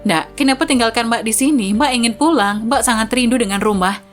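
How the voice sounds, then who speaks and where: A woman's voice: on the high side, fairly quick, lightly acted. A woman reading the lines of a frail elderly mother who begs to go home, in a pleading way, over faint background music.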